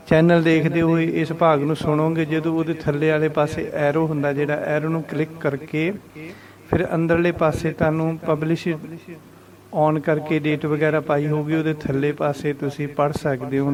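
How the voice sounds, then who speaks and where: A man teaching a scripture pronunciation lesson, reciting verses slowly and deliberately and repeating corrections. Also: fairly high pitch, a little mellow. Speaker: Gurbani teacher.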